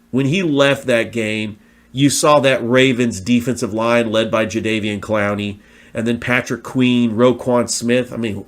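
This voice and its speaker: Hosting his own sports show, a man with a mid-range voice delivers a lively, casual monologue with a broadcaster's energy, full of fillers and quick restarts. His voice sounds a little worn, as it's recovering after being lost.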